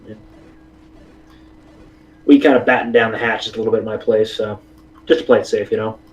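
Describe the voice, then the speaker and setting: A man's voice: lowish voice, fairly even intonation, brisk, lo-fi sound. A man from South Texas bantering casually and easily as a co-streamer. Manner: easygoing, laid-back banter. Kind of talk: casual chat.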